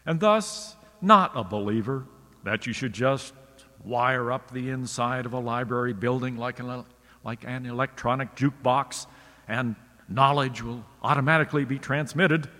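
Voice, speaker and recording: A man's voice: medium pitch, moderate pace, bright, forceful tone, in a large hall. A man, a writer, giving a scripted radio lecture in a wry, literary storytelling manner.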